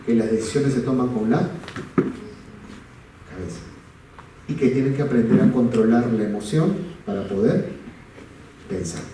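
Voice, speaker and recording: Un hombre, psicólogo de colegio, da una charla a padres, hace preguntas al público y cuenta anécdotas propias con diálogos actuados. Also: male voice, mid-range voice, moderate pace, pauses often. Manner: asks the audience questions, tells a personal anecdote with acted dialogue. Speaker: school psychologist giving a talk to parents. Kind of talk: parent talk with storytelling. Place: large school hall. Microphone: recorded from far off. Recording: echoey hall from far off with noise.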